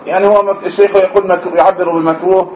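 A man's voice: high-pitched, little pitch movement, rapid-fire, a little hiss or hum. Male religious teacher, lilt, quizzes class, muffled echoey recording. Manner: sings out short examples, asks students questions. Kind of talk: classroom lesson on the call to prayer. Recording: echoey room, slightly dull sound.

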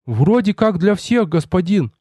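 A man voicing an excitable young male novice who shouts eagerly, pitched well above his own voice. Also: unhurried, husky, no room sound, studio quality, exaggerated voice.

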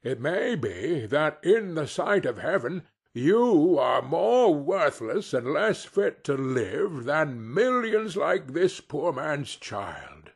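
A man doing a grave, slow Christmas spirit. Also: mid-range voice, expressive. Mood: stern. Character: solemn male Christmas spirit, stern and grave.

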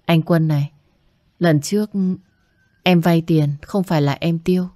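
A woman's voice: low voice, fairly even intonation, unhurried, dry recording, studio quality. A woman voicing a humble pleading young woman. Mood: earnest. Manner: pleading, soft, polite. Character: young woman, poor medical student, earnest and humble.

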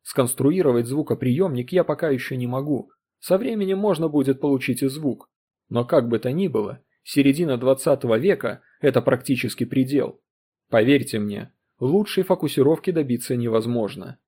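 A man's voice: medium pitch, expressive, normal speed, warm tone, breathy edge. A man voicing an intense young physicist in an audiobook reading, urgent and insistent. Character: intense young male physicist, obsessed inventor.

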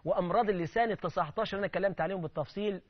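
A man preaching in Egyptian colloquial Arabic, fervent and quick, acting out the voices he quotes with sudden loud bursts. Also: high-pitched, dull audio.

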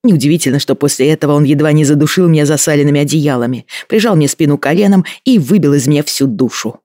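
Male audiobook narrator, measured first-person read, slightly raised pitch, dry close mic. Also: a little mellow, no echo.

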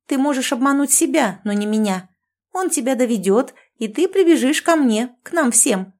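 A woman's voice: high voice, lively intonation, normal speed, a little mellow, voice pushed up. Woman voicing Nonna, a bossy scolding friend. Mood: angry. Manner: lecturing, commanding, sarcastic. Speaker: language teacher.

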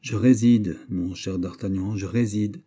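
A man voicing Aramis, an aging, subtle and wary bishop, in an audiobook reading, with a smooth, probing, mildly ironic manner. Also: fairly low pitch, fairly even intonation, a little slow, mellow. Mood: musing.

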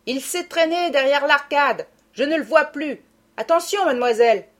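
A woman's voice: high-pitched, moderate pace, voice pushed up, close to an everyday voice. A woman voicing a young male servant who calls out in raised, urgent tones.

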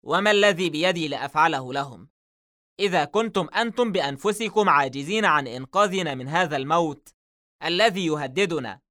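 A jittery young man in a novel read aloud, voiced by a man. His speech is tense and uneasy. The pitch sits higher than the narrator's plain voice. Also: expressive, a little fast, sharp tone. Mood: anxious. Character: nervous, anxious young man under pressure.

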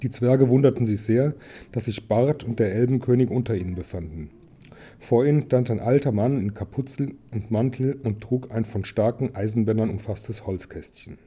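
Man, audiobook reader, measured storytelling, very dark voice. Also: mid-range voice, breathy edge. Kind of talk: audiobook narration.

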